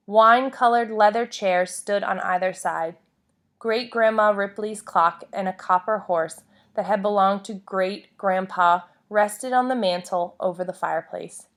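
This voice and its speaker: A woman reading a scripted memoir aloud as narration, phrasing it deliberately in short, measured groups of words. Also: medium pitch, fairly bright tone. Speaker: audiobook-style reader of a memoir.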